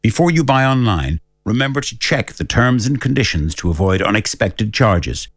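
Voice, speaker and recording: Deep, lively man, dry studio sound. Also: normal speed, no echo. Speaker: advert voice-over. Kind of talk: scripted public information advert.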